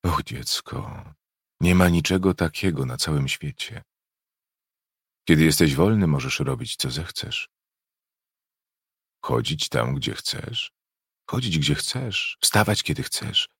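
A man voicing an old, grim but protective enslaved African woman in a slow, hushed whispered role-play. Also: rumbling low, breathy edge, no room sound, clean studio sound, heavily acted. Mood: tender.

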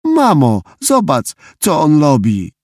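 A man voicing a whiny little boy who tattles on his older brother in an audiobook, his voice pushed up high. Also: wildly swooping pitch, takes it slowly, darkish tone, no echo, clean studio sound, exaggerated voice. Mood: whiny tattling. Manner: whining, tattling.

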